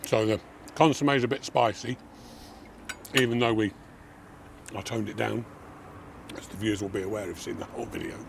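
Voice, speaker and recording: NZ male barbecue host, relaxed chatty delivery, gravelly, recorded outdoors with clear background noise. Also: lowish voice, a little fast, long pauses. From New Zealand. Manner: relaxed, chatty, talks to viewers. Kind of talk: casual cooking demonstration. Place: backyard outdoors. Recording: outdoor noise with passing vehicles.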